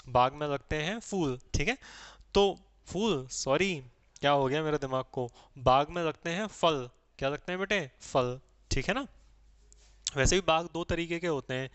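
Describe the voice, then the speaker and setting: A man teaching an exam-prep English lesson, asking his students questions over and over and reading the English phrases out slowly. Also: on the high side, a bit bright, smooth, dry recording.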